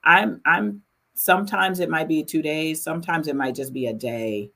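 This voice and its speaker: Woman, 40s, interview guest: very deep voice, reflective and measured, pauses to restart. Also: gravelly, a bit bright. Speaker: interview guest, university administrator. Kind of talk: conversational interview.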